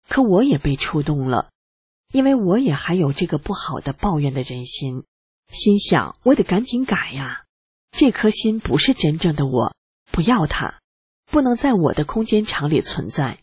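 Very husky earnest reader. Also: medium pitch, sing-song, moderate pace, no room sound. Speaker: reader of a personal testimony. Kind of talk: steady first-person reading.

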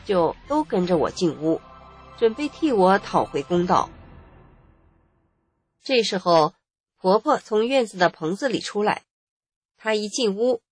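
A woman's voice: medium pitch, big pitch swings, measured pace, pauses often, faint music behind. A woman, earnestly narrating her own life story in the first person. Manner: emotional, earnest recounting.

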